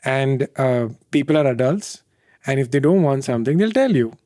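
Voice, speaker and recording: In a clean studio recording with no room sound, a man in his thirties with an Indian English accent speaks as an interview guest. His medium-pitched voice is warm and lively, moving at a moderate pace as he tells candid stories, acts out quoted voices, and laughs often.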